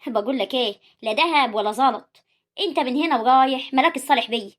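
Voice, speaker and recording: High, rapid-fire sharp-tongued Egyptian village woman, as a woman plays her, proud and confrontational, amateur drama role. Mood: indignant.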